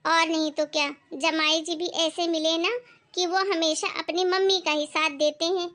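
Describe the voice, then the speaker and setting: A woman's voice: very high voice, flat delivery, moderate pace. A woman acting a bossy, cruel mother-in-law who scolds her daughter-in-law in a family drama. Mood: complaining. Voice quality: scolding, sharp-tongued.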